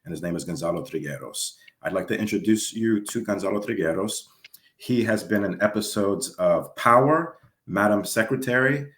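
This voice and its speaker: Low-voiced upbeat male host in a roomy space. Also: normal speed, a bit bright. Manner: upbeat, repeats words for emphasis. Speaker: host and filmmaker. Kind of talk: casual interview.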